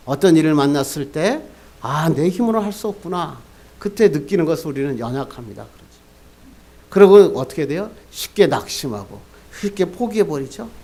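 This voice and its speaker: A man's voice: a little high, darkish tone. A male pastor preaching a sermon, asking the congregation questions and answering them himself, building to emphatic peaks. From Korea.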